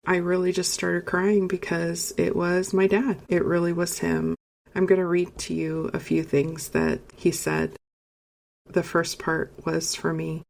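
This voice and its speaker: A woman's voice: lowish voice, flat delivery, a little slow, vocal fry, darkish tone. A middle-aged woman hosting a podcast, telling a personal story in a conversational way, emotional and near tears at times. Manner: emotional, tearful at moments, conversational with many "you know"s. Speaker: podcast host and spiritual medium.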